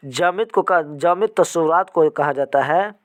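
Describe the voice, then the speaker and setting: A man teaching an exam-prep vocabulary lesson, repeating each term slowly several times. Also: on the high side.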